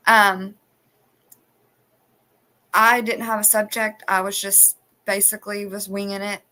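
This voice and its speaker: A woman's voice: medium pitch, little pitch movement, measured pace, sharp tone. A woman hosting a live stream, chatting casually and rambling with many restarts. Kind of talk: casual chat. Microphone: phone.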